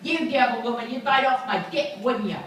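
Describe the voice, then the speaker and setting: A woman voicing a crude, nervous rural man, loud and strained, in an echoey room far from the mic. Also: high-pitched, animated, normal speed, a little hiss or hum, pitched above the performer's own voice. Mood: frantic.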